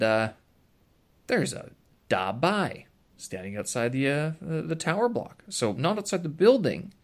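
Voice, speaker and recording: Rambling man telling a story. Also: medium pitch. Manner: rambling, self-interrupting, chuckling asides. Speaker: vlogger. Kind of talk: casual storytelling monologue.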